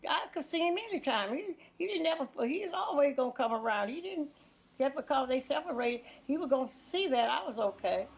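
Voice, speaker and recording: A woman's voice: sits high, expressive, fairly quick. A woman in her nineties with a Southern US accent, reminiscing casually in a plain-spoken way, often repeating words and restarting her sentences. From Louisiana, USA. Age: 90s, elderly. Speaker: interviewee. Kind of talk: casual oral-history reminiscence.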